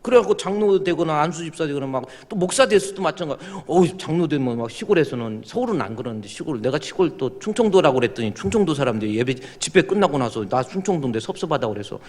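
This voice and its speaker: A man preaching a sermon as a pastor, his voice sitting fairly high and leaping all over as he tells humorous stories. He builds to loud, emphatic cries at the peaks. The sound rings with a long reverb from the church hall. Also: quick pace, hardly any pauses. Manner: animated, joking storyteller who shouts at peaks. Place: church sanctuary.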